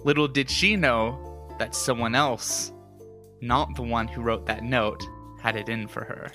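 A man's voice: mid-range voice, measured pace, lightly acted. Man playing a dramatic, accusing mustached detective. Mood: knowing, grave. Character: theatrical mustached detective announcing a murder denouement. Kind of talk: improvised tabletop role-play. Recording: background music.

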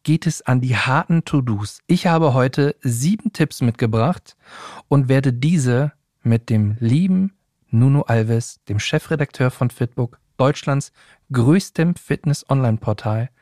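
A man's voice: mid-range voice, a little slow, a little mellow, dry recording, studio quality. A man hosting a podcast, chatting in a friendly way and speaking straight to his listeners. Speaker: podcast host. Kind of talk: casual podcast interview.

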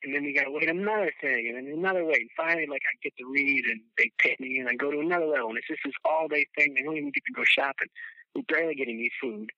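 A man in his thirties from the Chicago area, a podcast guest telling rambling, animated stories with casual swearing and laughter. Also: a little high, very fast, creaky, no echo. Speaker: podcast guest, former child actor. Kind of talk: casual storytelling chat. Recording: dull, dry lo-fi sound.

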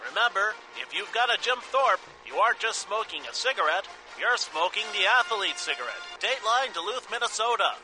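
An actor playing a brash 1940s newsreel sports announcer in a booming, hammy, salesy old-newsreel manner. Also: male voice, poor audio. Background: music.

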